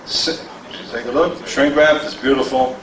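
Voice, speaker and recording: A man's voice: medium pitch, steady tone, a bit bright. A middle-aged man calling bids as an auctioneer at a convention, joking with the crowd and rattling off prices. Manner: joking, self-deprecating banter with the crowd; rapid bid calling. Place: large convention hall with a crowd. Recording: echoey hall, voice from far off, faint noise.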